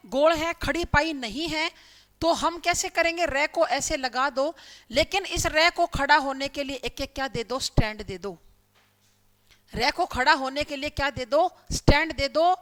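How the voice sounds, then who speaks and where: A woman teacher delivers a lecture with a high voice. Her tone is bright and clear. She explains each point step by step, often posing a question and then answering it herself. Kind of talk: classroom lecture.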